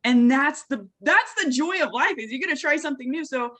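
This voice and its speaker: An exuberant woman talks as a podcast guest, full of slang and fired-up energy. Her voice sits a little above the usual pitch for a woman, and she coaches people on communication. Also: expressive, fairly quick, a bit bright. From United States. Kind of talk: casual interview chat.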